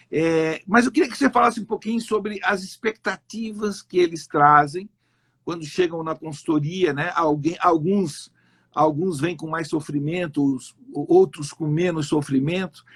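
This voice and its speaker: High, husky-voiced male host. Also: a bit bright. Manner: rambling questions with many restarts and fillers. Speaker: host, consultant. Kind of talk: live-stream interview. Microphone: online live stream.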